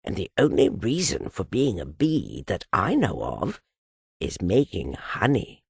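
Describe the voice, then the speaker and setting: A woman voicing a simple, slow-thinking male storybook bear with a growly voice and a naive, ponderous manner. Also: very deep voice, wildly swooping pitch, vocal fry, breathy edge, no echo, studio quality, exaggerated voice. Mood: pondering. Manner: ponderous, naive reasoning aloud. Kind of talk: children's storybook character reading.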